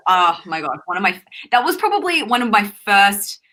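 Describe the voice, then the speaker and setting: A woman's voice: mid-range voice, sing-song, normal speed, bright, forceful tone. A young Australian woman hosting a casual live chat. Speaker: live stream host.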